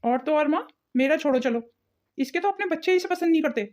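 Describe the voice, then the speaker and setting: A woman voicing an arrogant cartoon husband, high-pitched. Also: expressive, quick pace, a little mellow. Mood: defiant. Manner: defiant, contemptuous. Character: arrogant married man, defiant and dismissive. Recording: dull lo-fi audio.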